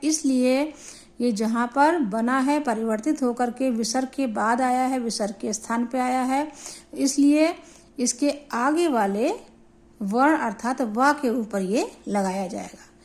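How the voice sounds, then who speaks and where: A woman teaching a Hindi grammar lesson, explaining slowly and deliberately and spelling out syllables for her students. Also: high-pitched, darkish tone.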